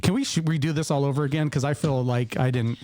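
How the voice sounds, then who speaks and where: A man hosting a podcast, chatting casually, halting now and then and restarting his sentences. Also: medium pitch, fairly even intonation, dry recording, clean studio sound. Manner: halting, restarts, reads a sponsor shout-out. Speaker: podcast host. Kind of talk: casual interview.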